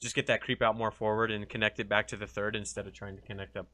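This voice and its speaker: A man's voice: lowish voice, level tone, quick pace, pushed and bright. A man casting a live strategy game match in a loose, chatty way, swearing freely. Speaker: esports caster. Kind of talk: casual live game commentary.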